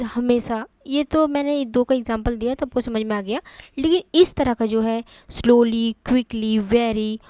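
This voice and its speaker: Higher-voiced Indian woman teaching grammar. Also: dark tone, no room sound. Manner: explains step by step, repeats terms, checks with "theek hai"; reads English example sentences out slowly. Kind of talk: online grammar lesson in Hindi with English examples.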